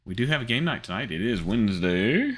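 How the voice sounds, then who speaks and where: A man's voice: lowish voice, big pitch swings, a little fast, fairly bright tone, breathy edge. A middle-aged man hosting a gaming channel, talking casually over his screen with lots of ums and restarts. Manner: rambling, many fillers and restarts. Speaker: crypto gaming channel host. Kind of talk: casual screen-share commentary.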